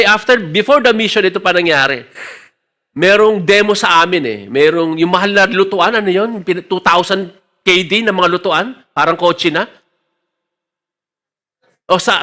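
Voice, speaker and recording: A man's voice: high voice, sharp tone. A man from the Philippines preaching a sermon, giving an emotional personal testimony and switching between Tagalog and English. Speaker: church elder preaching.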